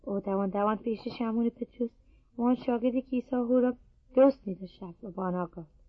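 Woman reader, scripture reading, even and unhurried, dry muffled recording. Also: on the high side, dry recording. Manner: steady, measured reading pace.

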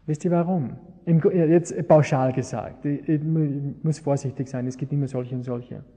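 A man's voice: fairly high pitch, fairly even intonation, moderate pace, mellow. A man preaching a sermon, engaging his listeners with rhetorical questions. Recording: long hall reverb.

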